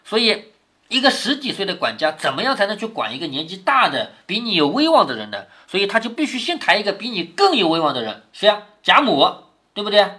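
A man's voice: high-pitched, wildly swooping pitch, fast talker, bright, forceful tone, breathy edge. A man reading a classic novel aloud to his daughter, explaining it with lots of rhetorical questions. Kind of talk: storybook reading with commentary.

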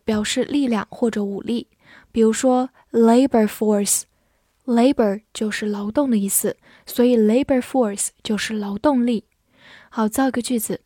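A woman teaching English vocabulary, spelling out words and reading example sentences slowly and carefully. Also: a little high, warm tone, dry recording, studio quality. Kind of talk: vocabulary lesson.

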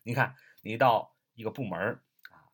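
A man teaching English vocabulary in an online lesson, repeating and spelling words slowly and asking rhetorical questions. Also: lowish voice, breathy edge.

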